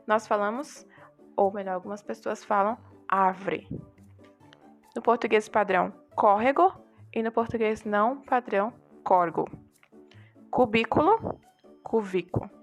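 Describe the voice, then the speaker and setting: A young woman, a student, explaining a book chapter to her class with rhetorical questions. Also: a little high. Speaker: student presenting a group assignment. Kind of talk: class presentation.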